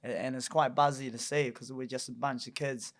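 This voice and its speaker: A young man with a New Zealand accent, a guest on a casual interview, chatty and quick to laugh as he tells stories. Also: medium pitch, fairly even intonation. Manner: chatty, laughs often while telling stories. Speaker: guest boxer.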